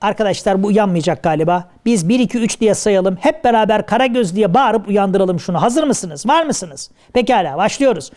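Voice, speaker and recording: A man voicing Hacivat, a pompous, learned gentleman in a traditional shadow puppet play, who talks in a preachy, lecturing way. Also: high voice, lively intonation, normal speed, few pauses. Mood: coaxing.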